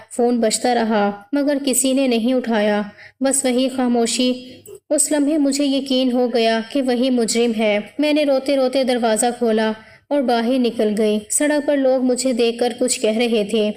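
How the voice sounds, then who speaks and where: A woman reads a scripted first-person story in a steady, solemn way. Her voice is somewhat high yet dark and mellow in tone. A long hall reverb hangs on every word.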